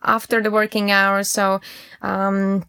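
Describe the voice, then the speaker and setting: A woman in her thirties from Latvia with a Latvian accent, a startup founder answering interview questions haltingly, with many restarts and fillers. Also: mid-range voice, monotone, bright, forceful tone, smooth, no room sound, clean studio sound. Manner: halting, many repeated words and fillers, laughs often.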